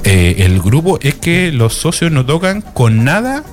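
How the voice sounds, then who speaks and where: Faint music plays under a Chilean-accented man in his forties hosting a laid-back radio show. Unhurried and fairly high-pitched, his voice swings widely in pitch as he reads listener messages aloud and adds friendly, chatty asides.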